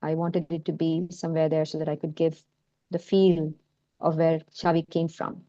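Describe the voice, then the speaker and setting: Here she has a deep, mellow voice with little pitch movement, speaking at a normal speed over lo-fi audio. A Malayalam speaker whose accent mixes Indian and American features, she presents her film work hesitantly in an informal online talk, often restarting and using fillers.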